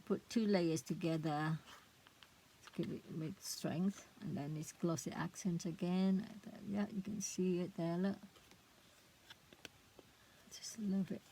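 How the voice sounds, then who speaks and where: Slow, gravelly-voiced woman showing crafts. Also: lowish voice, fairly even intonation, dark tone, slight background noise, rough recording. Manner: chatty, hesitant, trails off searching for words. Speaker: craft vlogger. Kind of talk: casual show-and-tell of a handmade book.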